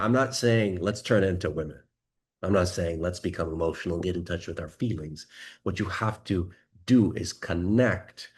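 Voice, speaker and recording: A man coaching listeners, talking calmly and leading them through a slow guided breathing exercise with many questions. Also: low-pitched. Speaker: dating and confidence coach.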